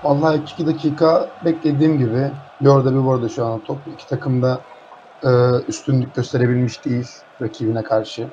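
A man's voice: medium pitch, steady tone, quick pace, warm tone, dull audio, slight background noise. A man commentating as the analyst beside the caller, speaking casually with hesitant fillers. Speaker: color commentator. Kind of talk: match analysis.

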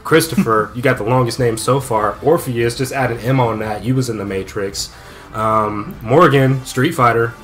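A man riffs through the end credits of a game, cracking jokes and mangling names. His voice sits at a middle pitch, with faint game music playing underneath. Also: normal speed. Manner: joking, reads credit names aloud with asides and laughs. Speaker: let's play co-host. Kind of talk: casual gaming commentary.

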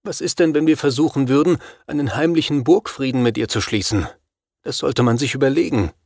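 A man reads an audiobook in a medium-pitched, darkish voice at a fairly quick pace, sounding close to an everyday voice, in studio-quality audio with no echo. He voices a worried, desperate middle-aged father who fears for his son, sounding anxious, agitated, and pleading.

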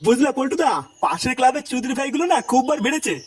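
A short-fused, crude cartoon father, voiced by a man in a very high, fast voice. He scolds in quick bursts. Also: slight background noise. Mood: grumbling. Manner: scolding, coarse and rapid. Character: hot-tempered, foul-mouthed father.

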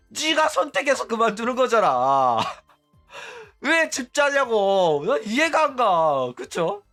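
A man's voice: high-pitched, a bit bright. A man hosting a commentary channel, ranting bluntly and mockingly and tagging his points with "right?". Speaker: VTuber news channel host.

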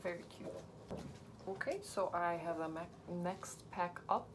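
Woman, co-host, hesitant, slow speech, low pitch, audible background noise. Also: steady tone. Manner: hesitant, stumbles over names. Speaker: co-host, host's wife. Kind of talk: casual card-unboxing chat. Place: home, on a couch. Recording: noisy home recording.

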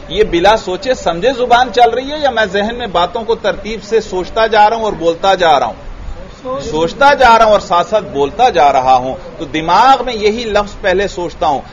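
A man's voice: high voice, highs cut off. A man from Pakistan with a Pakistani Urdu accent, teaching a classroom grammar lecture and asking his students questions, then repeating their answers.

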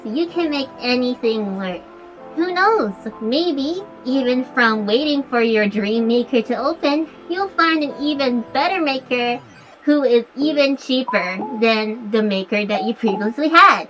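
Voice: high voice, animated, unhurried, a bit bright, lo-fi sound. A vlogger talking through a costume head, giving earnest, encouraging advice to viewers. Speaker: fursuit vlogger. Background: background music.

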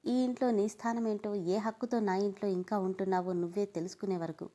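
A woman doing a cold, defiant young man who spits out short scornful comebacks. The voice stays mellow and soft-edged underneath the bitterness, read aloud as a storybook character. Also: medium pitch, fairly even intonation, brisk, lightly acted. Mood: bitter. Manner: clipped, scornful retorts.

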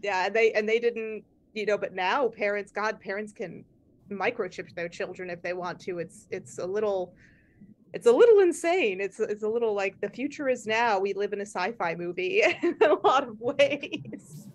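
A woman's voice: mid-range voice, normal speed. A woman hosting a podcast, chatting casually, rambling with frequent laughs and restarts. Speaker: podcast host. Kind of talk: casual chat.

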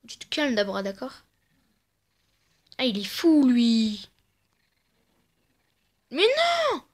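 Gamer woman, slow and a bit high, playful trash talk with soft mutters. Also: lively intonation. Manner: playful, trash-talks the game, often mutters softly. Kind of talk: casual let's-play commentary.

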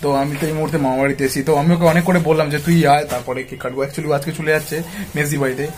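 A man's voice: fairly high pitch, fairly even intonation, very fast, darkish tone, a little hiss or hum. A man, vlogging casually at a family home and addressing his viewers as guys, with English words mixed into his talk. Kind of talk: casual vlog narration to viewers. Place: family home and shop, indoors.

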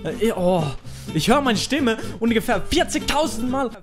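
A man giving casual let's-play commentary as a YouTube gamer, halting and restarting his words, excitable and yelling as he plays. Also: very high-pitched, over music. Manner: halting, stumbling over words, restarting often; excitable, shouting and laughing while playing. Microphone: headset.

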